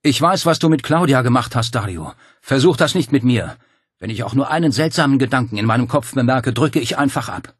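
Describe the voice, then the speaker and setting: Man playing a tense armed man, urgent, forceful, raised pitch. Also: brisk, few pauses, husky, dry recording, studio quality, close to an everyday voice. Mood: threatening. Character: tense, protective adult man with a gun.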